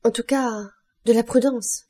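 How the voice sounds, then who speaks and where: A woman voicing an elegant, gracious countess in an audiobook, speaking with lively, raised tones. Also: a little high, a little slow, dry recording, voice pushed up. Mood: alarmed.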